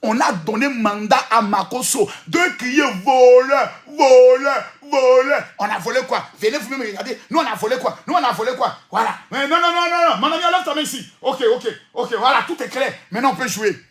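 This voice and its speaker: A man with an Ivorian French accent delivers a teasing, repetitive monologue, often shouting. His voice sits high and sounds bright and forceful. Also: animated, fast, hardly any pauses. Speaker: social media commentator. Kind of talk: animated provocative monologue.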